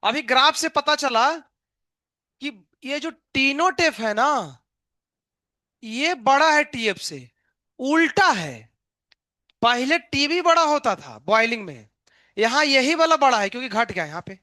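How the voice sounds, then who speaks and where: A male chemistry teacher gives a live online lecture at an unhurried pace. His voice is bright and forward, close and dry on the mic. He jokes with the class and fires off questions, then answers them himself. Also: very high-pitched, sing-song, no echo. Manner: playful, joking, asks students questions then answers himself.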